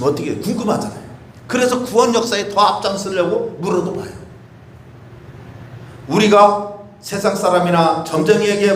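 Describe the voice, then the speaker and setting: A male pastor preaching a sermon, talking conversationally with many rhetorical questions and acting out prayers. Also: sits high. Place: church sanctuary. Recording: echoey church room with faint hiss.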